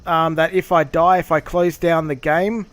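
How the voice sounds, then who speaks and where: Guy streaming a game, slightly high voice, casual explaining, swears a bit. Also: little pitch movement, moderate pace, fairly bright tone, no echo. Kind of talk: casual gameplay commentary and chat.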